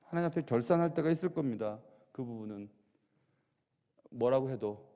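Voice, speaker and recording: A middle-aged man preaching a sermon as pastor, animated and full of rhetorical questions. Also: mid-range voice, moderate pace. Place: large church sanctuary. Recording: long church hall reverb.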